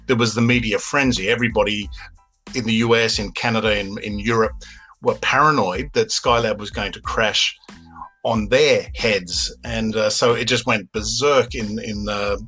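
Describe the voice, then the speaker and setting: In a low-quality recording with faint music behind, a Sydney-raised Australian man in his fifties shares stories as a podcast interview guest. He's a documentary filmmaker whose lowish, husky voice sounds pushed and bright, with a steady tone and moderate pace, and his storytelling is eager and anecdotal.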